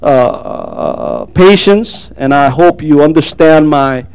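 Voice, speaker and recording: This pastor, a middle-aged man from the Philippines with Tagalog as his first language, shares his testimony in a sermon, earnest and full of amens and praise Gods. His voice is slightly high, slow, smooth and a little mellow, with no room sound.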